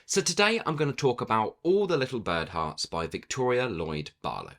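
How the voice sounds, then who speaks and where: A man giving a casual book review to the camera, animated and playful, with self-mocking asides. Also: medium pitch, moderate pace.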